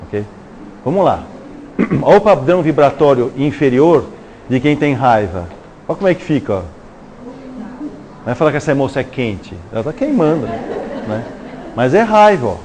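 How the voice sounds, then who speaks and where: A man's voice: mid-range voice, big pitch swings, moderate pace, pauses often, darkish tone, slight background noise. A middle-aged man with a Brazilian Portuguese accent giving a live spiritist lecture, acting out little dialogues and tagging questions to the audience. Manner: conversational, acts out dialogues, frequent "né?" tag questions. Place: lecture hall at a live event.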